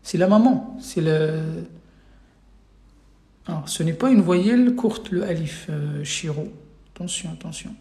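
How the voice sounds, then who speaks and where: Slow, gravelly man teaching a live class. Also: fairly high pitch, dark tone, reverberant. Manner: patient, repeats each question several times. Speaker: Arabic teacher. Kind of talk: live online class quiz.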